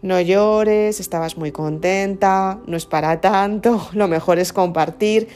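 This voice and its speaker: A woman's voice: mid-range voice, measured pace, a little mellow, lightly acted. Woman doing a soothing mother's voice. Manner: soothing, coaxing. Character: gentle mother comforting a small child.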